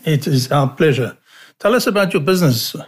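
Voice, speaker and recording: A man's voice: a little high, expressive, a little fast, husky. A man hosting an interview, asking questions conversationally and backing the guest with frequent murmurs of agreement. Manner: conversational, frequent mm-hmm backchannels. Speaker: interview host. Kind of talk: podcast interview.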